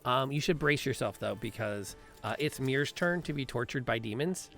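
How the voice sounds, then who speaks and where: A man of medium pitch, animated and fairly bright, talks at a moderate pace as he hosts a podcast and live stream. The casual chat is upbeat and rambling, packed with fillers and restarts, and faint music runs underneath.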